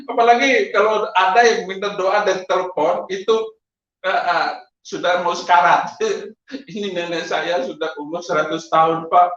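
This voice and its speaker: Animated male preacher in an echoey hall. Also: normal speed. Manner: animated storytelling, laughing often, sudden high exclamations. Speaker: pastor. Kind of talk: testimony sermon. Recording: echoey, distant, lo-fi hall sound.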